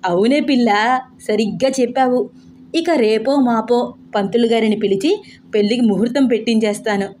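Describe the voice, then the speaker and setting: A woman's voice: a little high, moderate pace, a little hiss or hum, natural voice. A woman voicing a bossy old grandmother who scolds and orders her family around. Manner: sharp, commanding, scolding.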